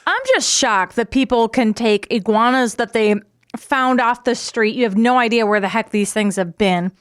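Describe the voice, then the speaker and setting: A woman's voice: on the high side, moderate pace, clear, resonant tone, no room sound, clean studio sound. A woman co-hosting a radio show, chatting casually and reading listener texts aloud. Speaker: radio co-host. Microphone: studio microphone.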